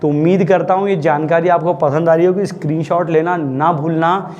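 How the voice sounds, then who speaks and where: A man's voice: fairly high pitch, steady tone, normal speed, darkish tone, lo-fi sound, faint music behind. A man teaching English grammar in a chatty classroom style, often checking that students understood. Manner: chatty, repeatedly asks students if they understood. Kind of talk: classroom lesson, explaining.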